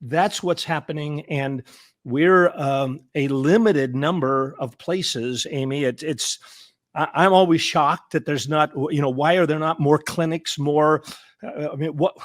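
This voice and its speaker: A man speaks as a therapist guest on an interview show, pressing his points by repeating words again and again. He often trips over himself and restarts mid-sentence. His voice sits a little high and sounds dry and close. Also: a little slow, no echo. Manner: earnest and emphatic, repeats words for stress; frequent stammered restarts. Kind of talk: conversational interview.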